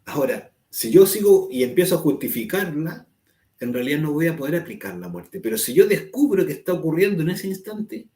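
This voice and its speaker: A spiritual course instructor teaches an online class from an echoey room, his voice a little high, expressive, brisk and mellow. He explains patiently, acts out angry quotes, and often checks with listeners by asking "¿cierto?" ("right?").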